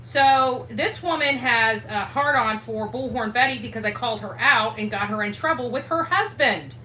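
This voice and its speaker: This livestream host speaks at a fairly high pitch and normal speed in a pushed, bright voice, ranting indignantly and combatively and repeating herself for emphasis. The recording has a roomy echo and faint background noise.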